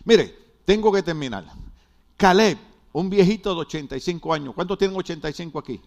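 A man preaching a lively, joking sermon to a church congregation, his voice pitched a little high. He swings from loud bursts to quiet asides as he teases the crowd. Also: a little fast. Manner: animated, jokey preaching with wide swings in loudness. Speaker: pastor. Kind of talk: humorous sermon. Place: church hall.

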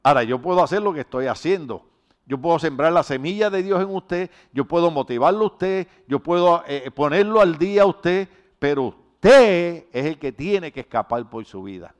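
A middle-aged man from Rico, preaching a conversational sermon in a lively, rambling storytelling way with rhetorical questions. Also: a little high, moderate pace. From Puerto Rico. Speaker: pastor.

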